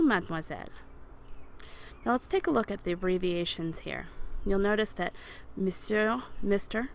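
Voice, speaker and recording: Woman teacher, low and gravelly, patient, models words for repetition. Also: slight background noise. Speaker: French teacher. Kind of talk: recorded language lesson over slides.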